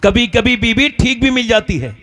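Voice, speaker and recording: A man's voice: very high-pitched, expressive, normal speed, a bit bright. A man from northern India preaching a sermon, telling stories and quizzing his audience with rhetorical questions.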